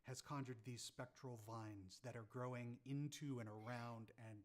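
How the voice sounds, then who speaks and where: A man narrating as game master of a tabletop game, halting and full of ums and restarts as he describes the scene. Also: medium pitch, steady tone.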